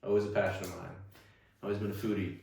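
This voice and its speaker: Speaking fast in a low, creaky voice, a young man rambles as a guest in a casual interview, with slight background noise and an echoey, distant mic. Originally a Russian speaker, he's from Staten Island, New York, and his relaxed talk is full of fillers and restarts.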